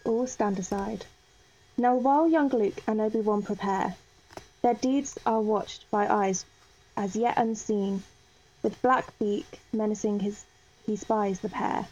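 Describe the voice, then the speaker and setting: A woman reading stage directions and verse narration for an amateur table read, brisk and cheerful. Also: mid-range voice, fairly even intonation, darkish tone, highs cut off.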